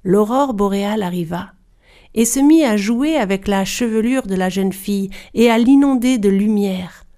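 A woman narrating a folk tale in a measured, even storybook style. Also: mid-range voice.

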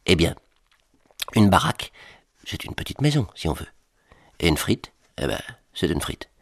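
Playful deep-voiced man. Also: normal speed, no room sound, clean studio sound. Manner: playful, mock-serious, deadpan asides. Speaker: comic presenter. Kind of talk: comic explainer to children.

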